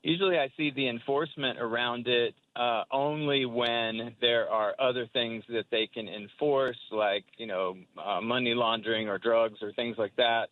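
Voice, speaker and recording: A man speaks over the phone from a call-in line, the sound thin and tinny. His pitch sits in an ordinary middle range. He talks hesitantly, with frequent fillers and restarts. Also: fairly even intonation, normal speed, few pauses, a little hiss or hum. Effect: heard over the phone. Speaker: radio call-in listener. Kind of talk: call-in comment and question. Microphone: telephone.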